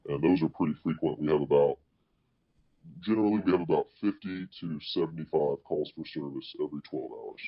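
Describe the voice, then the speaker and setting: Disguised deep-voiced man, muffled. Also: fairly quick. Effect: voice electronically distorted to sound deeper, as a disguise. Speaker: police officer, interview guest. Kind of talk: interview, explaining at length. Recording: dull, muffled lo-fi audio.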